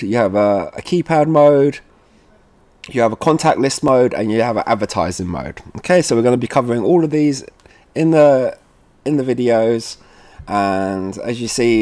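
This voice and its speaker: A man with a medium-pitched, somewhat dark voice hosts a casual setup tutorial for a product. He walks viewers through each step and calls them "guys."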